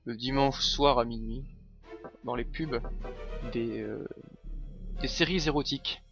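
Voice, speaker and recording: A man's voice: mid-range voice, a little slow. A man commenting live on his gameplay, chatty and muttering to himself as he plays, swearing often. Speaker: streamer playing a video game. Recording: slightly dull lo-fi stream audio with faint game music.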